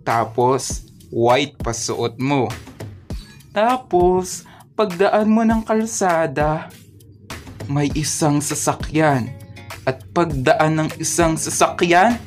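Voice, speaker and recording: Filipino guy narrating his cartoon, slow and joking, soft music behind. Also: fairly high pitch, lively intonation. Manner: playful, self-mocking. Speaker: animator and narrator. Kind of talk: comedic storytelling narration.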